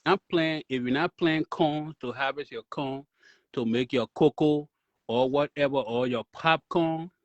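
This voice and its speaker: A man's voice: fairly high pitch, a little slow, no echo. A man, chatting casually and giving emphatic opinions as a call-in guest. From Liberia. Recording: dull lo-fi call audio.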